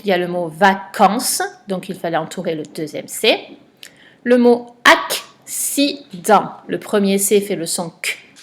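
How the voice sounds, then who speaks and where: A woman primary school teacher giving a recorded spelling lesson to a child at home, slow and patient, stretching out each word for dictation. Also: medium pitch.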